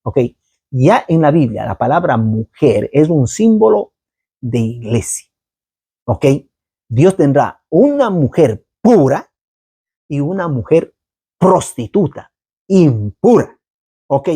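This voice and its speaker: Lively preacher man, husky mellow voice. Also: on the high side, takes it slowly, long pauses, no echo, studio quality. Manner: keeps checking in with "¿ok?" and "¿no?"; lively storytelling delivery. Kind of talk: Bible teaching.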